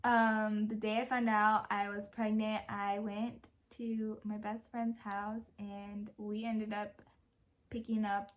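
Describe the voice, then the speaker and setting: A young woman and parent telling a story in a casual question-and-answer video, chatty and quick to laugh. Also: medium pitch, flat delivery. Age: young adult. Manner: giggly, laughs often while telling a story; chatty, full of fillers and quoted speech. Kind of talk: casual Q&A chat.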